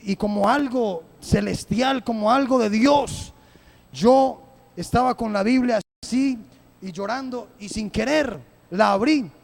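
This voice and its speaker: A man preaching a fervent live sermon, who slows right down to read scripture with heavy emphasis. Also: sits high, gravelly, a little mellow.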